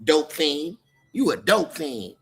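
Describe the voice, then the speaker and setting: Hosting a laid-back livestream, this man from Oakland, California, in the US, moderates the chat with slangy, confrontational repetition. His voice runs on the high side with big pitch swings, a slow pace, a fairly bright, breathy tone, and faint music behind it.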